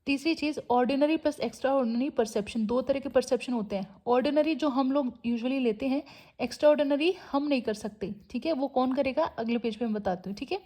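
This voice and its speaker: A woman teaching an exam-prep lecture, often adding a checking tag and reading English definitions slowly with an Indian English accent. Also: high-pitched, warm tone.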